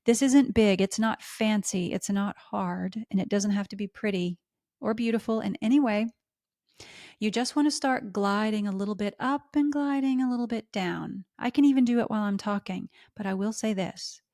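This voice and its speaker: Middle-aged woman podcast host, smooth melodic coaching voice, dry close sound. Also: medium pitch, moderate pace, darkish tone, no echo. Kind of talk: instructional podcast talk.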